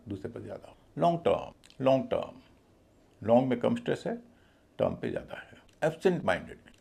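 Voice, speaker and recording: A man teaching English pronunciation, speaking slowly and deliberately, spelling words out letter by letter and repeating them. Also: medium pitch, creaky, a little mellow, breathy edge. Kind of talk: spoken language lesson.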